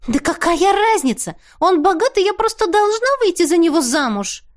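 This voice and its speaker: A woman's voice: extremely high pitch, sing-song, normal speed, voice pushed up. A woman voicing a spoiled young woman who whines and pleads with her cousin. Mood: petulant. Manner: whining, pleading.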